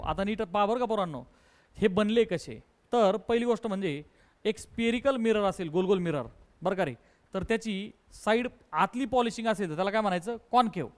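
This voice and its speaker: A man teaches a physics class. He keeps firing questions at his students, slips English terms into his talk, and reaches for playful everyday examples. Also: high voice. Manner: quizzes students with rapid repeated questions. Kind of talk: classroom lesson.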